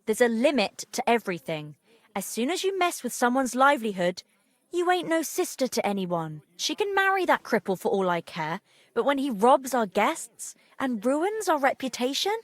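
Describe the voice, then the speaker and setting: A woman's voice: high-pitched, sing-song, normal speed, no echo. An actress playing a blunt, bitter medieval bathhouse woman with earthy speech in a video game. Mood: indignant.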